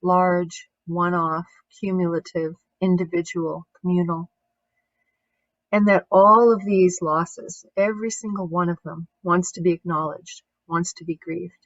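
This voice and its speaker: Woman coach on a lo-fi video call, lowish voice, slow calm guiding. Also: no echo. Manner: calm, guiding breathwork and reading aloud. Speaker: grief course coach. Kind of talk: online course teaching.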